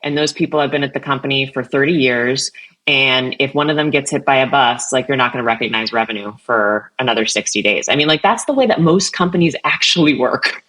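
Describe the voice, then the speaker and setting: A woman guest on a business podcast, talking in energetic, emphatic bursts. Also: rumbling low, brisk, rough recording. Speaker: guest, CRM vice president. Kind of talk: podcast interview.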